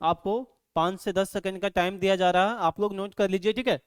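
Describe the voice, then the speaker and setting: A man teaching an online grammar lesson, asking his students questions over and over and loudly sounding out syllables for them to repeat. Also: high voice, fairly even intonation, brisk, clean tone, no room sound, clean studio sound. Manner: repeats "ठीक है" and quizzes students constantly; drills syllables aloud, louder on examples. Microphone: microphone.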